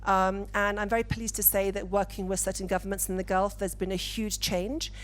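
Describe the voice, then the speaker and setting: Flat-toned woman on a panel. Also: medium pitch, brisk. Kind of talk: panel discussion. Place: conference stage. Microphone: handheld mic.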